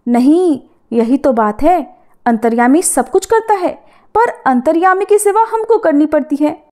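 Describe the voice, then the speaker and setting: A woman's voice: high voice, animated, a little slow, darkish tone. A woman voicing a frank, homely village wife. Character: Trilochan's wife, plain-spoken devout village woman.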